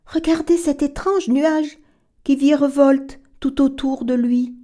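A woman's voice: high voice, slow, voice pushed up. A woman doing Arturo, an eager young hero. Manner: lively, exclaiming.

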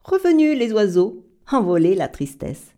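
A woman's voice: medium pitch, big pitch swings, measured pace, mellow. A woman narrating a children's story expressively, slipping into whispers and playful bird calls.

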